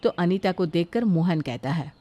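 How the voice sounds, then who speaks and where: A woman tells a moral story at an even, measured pace. Her voice sits lowish and plain for the narration. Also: no echo.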